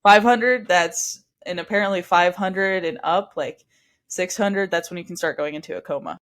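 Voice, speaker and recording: A woman's voice: lowish voice, a bit bright. A young woman in her twenties, a podcast guest telling a long personal story in a casual, chatty way. She sounds a little stuffy from allergies. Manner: chatty, quick, with frequent likes and restarts.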